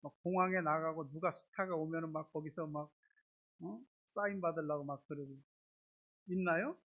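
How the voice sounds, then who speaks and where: A man preaches in a high, slightly husky voice, talking to his congregation in a loose, conversational way. The recording from the church sanctuary sounds somewhat dull and lo-fi. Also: fairly even intonation, moderate pace. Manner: conversational, repetitive filler words. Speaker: pastor. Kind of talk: sermon.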